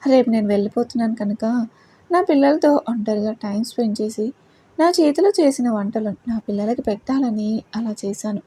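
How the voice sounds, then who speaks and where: A woman's voice: on the high side, animated, moderate pace, warm tone, breathy edge. A woman with a Telugu accent voicing an affectionate middle-aged mother who scolds her son fondly, in a storybook reading. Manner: fond scolding. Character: loving playful middle-aged mother-in-law.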